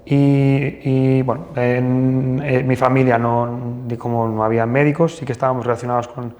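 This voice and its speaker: A male plastic surgeon guest, a native Portuguese speaker from northern Portugal, tells animated stories in a casual interview with a mid-range voice at a moderate pace. He's hesitant, restarting often and leaning on fillers, and a long hall reverb surrounds him.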